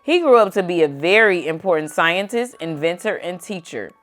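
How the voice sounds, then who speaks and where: A woman hosting a kids' read-aloud speaks at a moderate pace in a low voice with lively intonation. She keeps the language simple, addresses a young child between passages, and has music behind her.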